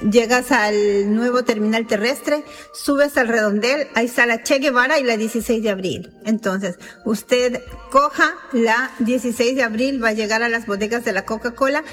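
A woman's voice: on the high side, long reverb tail. An Ecuadorian woman healer with an Ecuadorian Spanish accent, speaking in a persuasive, insistent promotional address full of repeated lists. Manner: persuasive, insistent, repetitive listing.

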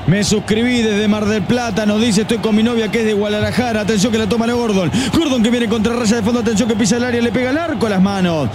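An Argentine man with an Argentine Spanish accent gives fast live football play-by-play for an online stream, also reading viewer messages aloud. His voice is high and steady, with background noise in the recording.

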